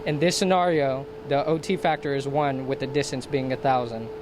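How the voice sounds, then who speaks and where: A man's voice: medium pitch, brisk. A man giving scripted military instruction in a formal, procedural manner, enumerating each step. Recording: clear steady ambient background noise.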